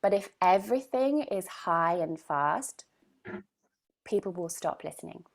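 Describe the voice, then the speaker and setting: A woman's voice: lowish voice, expressive, unhurried, vocal fry. A woman coaching a group in a live online session, speaking emphatically and often checking in with "right?". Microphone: video call.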